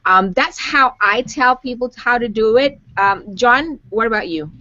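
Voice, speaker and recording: A woman's voice: on the high side, lively intonation, unhurried, pushed and bright, no room sound. A woman hosting a casual live web show, chatting and reading viewer questions aloud over a video call. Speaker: host. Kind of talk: casual live-stream chat. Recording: dull lo-fi web stream audio.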